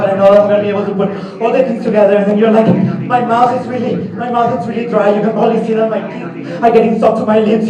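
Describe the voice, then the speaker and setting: Brief: male performer, high-ish mellow voice, raw confessional loops, distant mic in a reverberant hall. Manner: repetitive, confessional, raw and swearing. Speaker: dance performer. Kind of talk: spoken-word monologue in a live performance. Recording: echoey hall, voice from far off.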